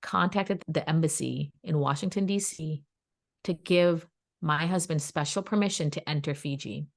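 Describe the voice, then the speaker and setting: A woman's voice: moderate pace, creaky. A woman co-hosting a podcast, telling a personal story in casual chat and acting out what others said. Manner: animated, acts out quoted dialogue in pitched-up voices; chatty and emphatic, addresses listeners as "guys". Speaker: podcast co-host.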